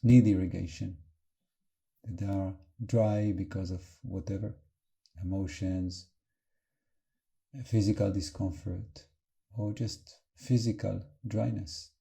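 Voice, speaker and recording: A man guides an unscripted meditation in the role of a teacher, speaking calmly and gently in halting phrases broken by long pauses. His voice sits low and has a creaky quality.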